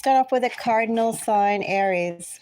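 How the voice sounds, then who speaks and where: A tarot reader with an American accent hosts a livestream, chatting with viewers in a casual, rambling way. She has a fairly high, darkish voice at normal speed; the recording is low-quality but without echo.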